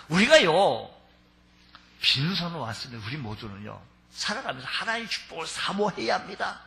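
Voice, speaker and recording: Animated bright-voiced male preacher. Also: on the high side. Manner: animated storytelling, acting out dialogue; exhorting, builds to shouts. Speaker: pastor. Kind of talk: sermon.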